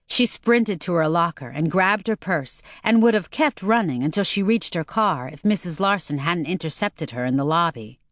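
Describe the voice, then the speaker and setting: A woman audiobook narrator giving a steady, scripted storytelling read. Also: lowish voice, moderate pace, hardly any pauses, no room sound, studio quality.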